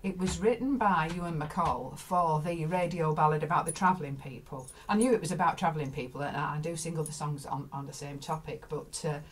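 A woman's voice: low voice, brisk, hardly any pauses, far from the mic. A woman folk singer chatting casually between songs, rambling with restarts. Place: small home studio.

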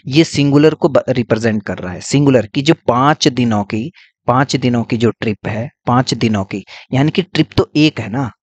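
A man's voice: mid-range voice, a little mellow, dry recording. A man teaching English grammar, explaining patiently, repeating points and checking in often with his students. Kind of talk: classroom-style grammar lesson.

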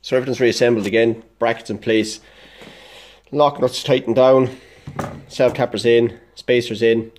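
A man's voice: mid-range voice, steady tone, moderate pace, a little mellow. Congested man explaining a workbench fix. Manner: blunt, plain-spoken, swears casually. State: congested, dosed up with illness. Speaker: DIY vlogger. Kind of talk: casual how-to explanation. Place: indoor workshop at a workbench.

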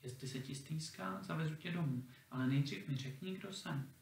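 A man reading a fairy tale, voicing an enchanted dog that is patient, loving and gently insistent. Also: on the high side, vocal fry. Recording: roomy echo, distant mic.

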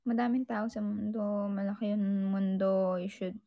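Young female vlogger, gravelly edge, candid advice-giving chat. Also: medium pitch, little pitch movement, measured pace, dull audio. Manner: candid, advice-giving, mixes English into Tagalog. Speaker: vlogger answering viewer questions. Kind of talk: casual chat.

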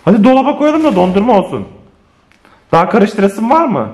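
Man, high voice, family vlogger, playful, animated, teasing, speaks to viewers. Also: brisk, soft background music. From Turkey.

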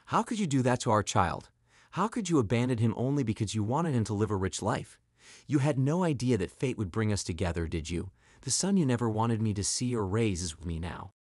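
A man's voice: fairly low pitch, big pitch swings, brisk, darkish tone, no room sound, clean studio sound. A male narrator voicing a blunt, wronged single father who speaks firmly. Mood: stern, hurt. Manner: blunt, firm.

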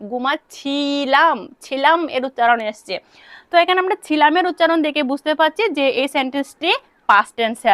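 A woman teaching a basic grammar lesson, patiently repeating key points and checking understanding with quick questions. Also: sits high, pushed and bright, no echo. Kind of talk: grammar lesson explained in Bengali.

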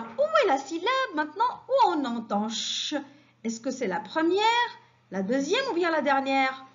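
Woman teacher doing a kids reading lesson, super slow, sounds out every syllable, kinda dull lo-fi audio. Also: high-pitched. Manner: slow, sing-song, stresses each syllable. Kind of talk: phonics lesson for young children.

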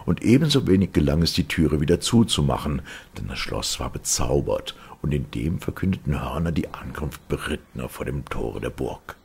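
Male fairy-tale narrator, very deep and gravelly, lively theatrical delivery. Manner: dark, theatrical, expressive. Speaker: audiobook reader. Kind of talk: dramatic fairy-tale reading.

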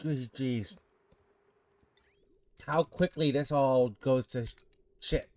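In casual gameplay commentary, a male streamer speaks in a steady, unhurried, mid-range voice with a darkish tone. Even so, he sounds frantic and exasperated, talking to himself, scolding his in-game characters, and swearing at times.

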